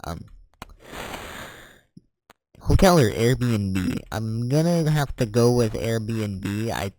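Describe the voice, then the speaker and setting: A teenage boy chatting casually while playing a game, rambling and correcting himself as he answers quick questions. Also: on the low side, expressive, darkish tone. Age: teens. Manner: rambling, self-correcting, chuckling. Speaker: gaming vlogger.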